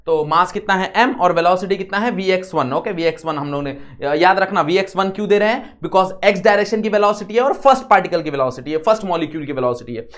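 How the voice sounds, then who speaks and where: A young man with an Indian accent giving a physics lesson, going slowly step by step and often asking the class yes or no. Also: high voice, lively intonation, fairly bright tone. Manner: repeats steps, quizzes students often. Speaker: physics teacher. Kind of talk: classroom lecture.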